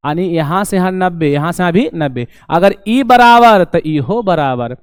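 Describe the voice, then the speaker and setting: A young man teaching an online class, animated and acting out his students' questions. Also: high-pitched, normal speed, clear, resonant tone, dry recording, studio quality.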